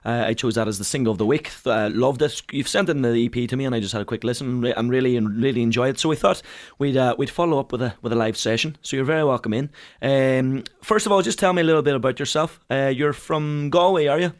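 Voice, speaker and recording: A man's voice: medium pitch, fast. A man with an Irish accent hosting a casual radio interview. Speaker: radio host.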